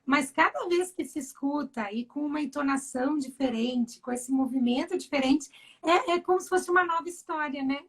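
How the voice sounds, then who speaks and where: A woman's voice: high-pitched, moderate pace, rough recording. A woman hosting a live interview for teachers, enthusiastic and chatty, often adding tag questions. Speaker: host of a live stream for teachers.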